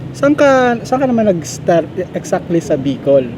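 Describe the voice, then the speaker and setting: A man's voice: sing-song, normal speed. A Filipino man co-hosting a casual mukbang chat with short questions. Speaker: co-host asking questions. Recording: clearly noisy, rumbly street background.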